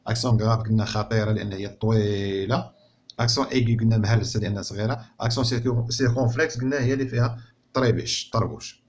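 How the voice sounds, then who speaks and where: A man's voice: fairly low pitch, steady tone, rapid-fire, a little hiss or hum. A man with a Moroccan accent teaching a French spelling lesson, explaining patiently and often checking that pupils follow. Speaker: primary school teacher.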